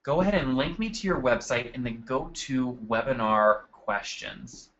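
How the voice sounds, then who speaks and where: Upbeat male webinar host, bright edgy tone, casual and chatty, slightly muffled desk audio. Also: medium pitch, lively intonation, moderate pace. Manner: upbeat, addresses attendees by name. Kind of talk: live marketing webinar presentation. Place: at a desk indoors.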